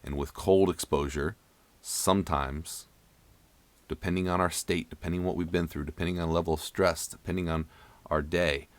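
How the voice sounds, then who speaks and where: A man coaching a guided breathing session for an ice bath in a calm, soothing, instructional manner. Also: low voice, moderate pace, no echo. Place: voice-over with new-age music behind.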